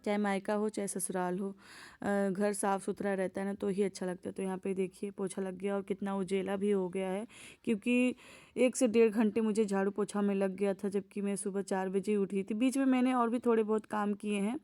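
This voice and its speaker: Soft-spoken woman with an even voice. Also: mid-range voice, a little fast, clear, resonant tone. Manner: homely, chatty, gentle storytelling. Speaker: vlogger. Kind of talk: voice-over narration of daily chores.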